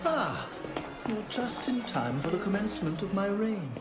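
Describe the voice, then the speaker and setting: An actor voices a sly, theatrical, middle-aged king of thieves in a game cutscene, drawling and mocking in a sardonic mood. His voice is high-pitched and very animated at a moderate pace, with music underneath.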